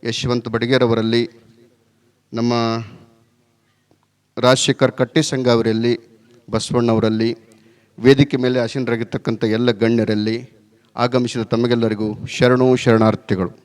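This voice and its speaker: A man's voice: medium pitch, flat delivery, unhurried, pauses often. A middle-aged man with a North Karnataka accent giving a folksy village sermon, chatty and often asking the crowd rhetorical questions. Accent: North Karnataka Kannada. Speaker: religious leader giving a blessing sermon.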